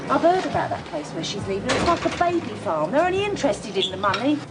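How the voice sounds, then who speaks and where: A woman's voice: on the high side, very animated, fast talker. An actress playing a pointed, nagging woman in a British TV soap. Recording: TV soundtrack with loud background noise.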